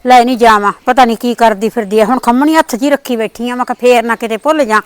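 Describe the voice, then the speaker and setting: A woman playing a defensive visiting aunt in a village short drama, talking rapidly and insistently with a Punjabi accent. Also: on the high side, steady tone, no room sound, natural voice.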